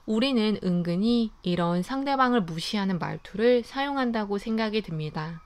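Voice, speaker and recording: A woman reads a scripted book review in a smooth, resonant voice of ordinary middle pitch. She goes through the summaries and reflections calmly and evenly, at a normal, unhurried speed.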